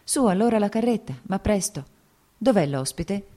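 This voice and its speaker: A woman's voice: mid-range voice, animated, normal speed, mellow, pitched above the performer's own voice, lightly acted. A woman voicing Lievin, a brooding, jealous young landowner in a read-aloud novel, speaking tersely and with resolve. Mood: curt. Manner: terse, sulky, then resolute.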